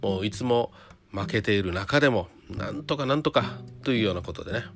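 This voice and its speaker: A man's voice: on the low side, animated, a little fast, vocal fry. A man giving a casual solo monologue to viewers, chatty and full of rhetorical questions and little tag fillers. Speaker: trader talking to viewers. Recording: guitar music under the voice.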